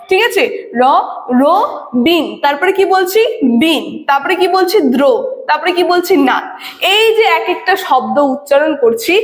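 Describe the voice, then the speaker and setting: Woman teacher, high voice, patient step-by-step lecture, echoey classroom recording. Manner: explains step by step, often checks in with 'okay'. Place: classroom with a board. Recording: echoey room with long reverb.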